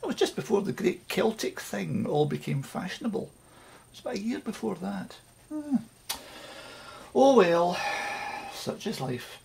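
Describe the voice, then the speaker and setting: A Scottish man talks through a home recording tutorial in a relaxed, wry way, full of jokey asides. His speaking voice sits a touch high and has a gravelly edge, and he takes his time over every phrase. Faint music plays behind him. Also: unhurried. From Scotland. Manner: chatty and wry, with asides and self-mocking jokes.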